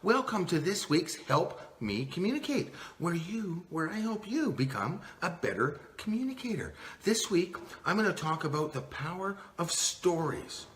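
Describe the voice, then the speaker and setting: A man's voice: high-pitched, very animated, moderate pace, hardly any pauses, a bit bright. Earnest man coaching on communication. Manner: earnest, conversational, with restarts. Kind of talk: talking-head teaching video.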